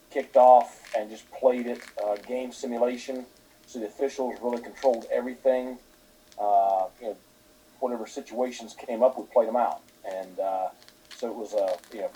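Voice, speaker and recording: A man, a football head coach, answering questions at a press conference in a halting way, with many fillers. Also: medium pitch, warm tone, slightly rough, low-quality recording.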